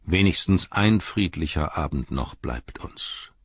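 A man voicing an aged, proud warrior king who speaks in a grave, deliberate and weary way with a husky voice. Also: a bass voice, expressive, no echo, highs cut off, heavily acted.

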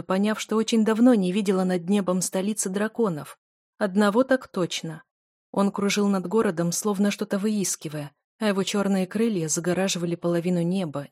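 A woman's voice: mid-range voice, darkish tone, dry recording, studio quality. A woman narrating an audiobook in the first person, reading with emotion.

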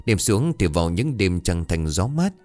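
A man narrating a folk tale as a storyteller in a lively, expressive way. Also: low voice, normal speed, soft background music.

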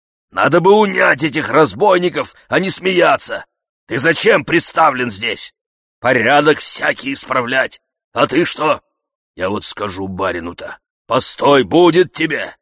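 A man voicing a grumpy old male servant who wheezes hoarsely and scolds hotly. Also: mid-range voice, expressive, dry recording, clean studio sound, pitched above the performer's own voice. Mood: scolding. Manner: heated, scolding, quick to shout.

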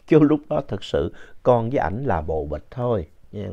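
A man narrating a ghost story in a conversational, lively way with asides to the listener. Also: on the low side, a little slow. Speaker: story reader. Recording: dull lo-fi sound.

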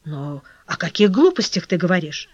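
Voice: medium pitch, big pitch swings, normal speed, no room sound. A narrator voicing an anxious young male workman in an audiobook, speaking in urgent, pleading exclamations. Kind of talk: audiobook character voice. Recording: dull dry lo-fi recording.

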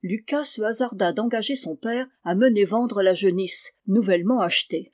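A woman narrating a classic children's novel aloud in a calm, measured reading. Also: mid-range voice. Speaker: audiobook reader. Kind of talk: storybook narration.

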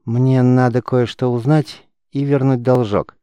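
A man's voice: mid-range voice, level tone, a little slow, dark tone, clean tone, no room sound, lightly acted. Man as a hesitant young mage. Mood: guarded. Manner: hesitant, mumbling.

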